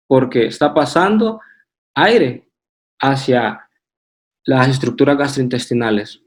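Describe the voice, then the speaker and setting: A man's voice: fairly high pitch, darkish tone. Man giving a methodical radiology lecture. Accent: Honduran Spanish. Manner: methodical, with hesitant fillers and restarts. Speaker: radiology resident presenting. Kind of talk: academic slide lecture.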